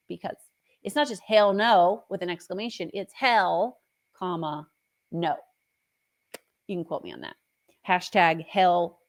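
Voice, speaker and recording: Brief: middle-aged woman, podcast host and minister, conversational faith teaching, lively and playful. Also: mid-range voice. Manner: chatty and animated, with playful acted asides.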